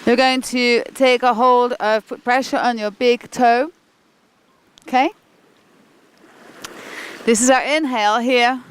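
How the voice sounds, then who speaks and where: A woman's voice: on the high side, steady tone, slow, long pauses, a little hiss or hum, poor audio. Woman yoga teacher, encouraging and informal. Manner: encouraging, informal, chatty asides. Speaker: kundalini yoga instructor. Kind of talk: guided yoga class instruction.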